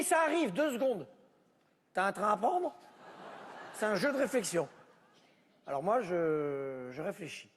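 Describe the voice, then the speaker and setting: A man's voice: sits high, long reverb tail. A man performing a comedy sketch on stage, bickering sarcastically with unseen family members over a board game. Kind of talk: stand-up sketch, one-man show.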